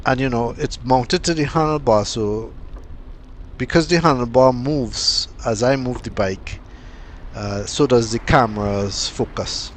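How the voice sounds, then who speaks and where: A man from Trinidad, giving casual, unhurried vlog commentary with plenty of fillers and pauses. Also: medium pitch, slight background noise. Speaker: cycling vlogger.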